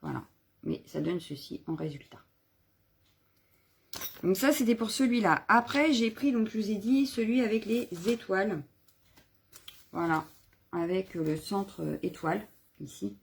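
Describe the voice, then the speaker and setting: A woman's voice: mid-range voice, measured pace, pauses often, slight background noise. A woman chatting casually on a live craft video, showing her stamps and stencils, rambling with fillers and self-corrections. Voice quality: husky, gravelly.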